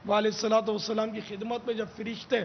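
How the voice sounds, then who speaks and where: A man answering religious questions, explaining patiently and drilling pronunciation with slow, drawn-out repetitions. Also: high voice, little pitch movement, long reverb tail. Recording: dull lo-fi broadcast audio with faint hiss.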